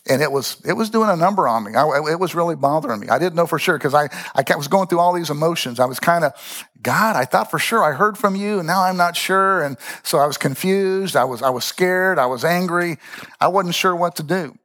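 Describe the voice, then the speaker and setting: A man's voice: on the high side, a bit bright. A man in his sixties preaching a sermon, telling a personal testimony with emphatic repetition. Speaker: pastor.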